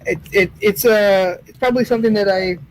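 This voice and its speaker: High-voiced young guy, incredulous chat. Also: a little fast, slight background noise, low-quality recording. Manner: incredulous, repeats himself, stammers. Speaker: podcast co-host. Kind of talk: casual chat.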